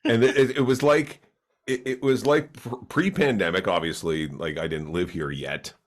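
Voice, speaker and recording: A stand-up comic joins a podcast as a guest and chats casually, spinning rambling, jokey stories that keep restarting. His voice is lowish and his pace moderate.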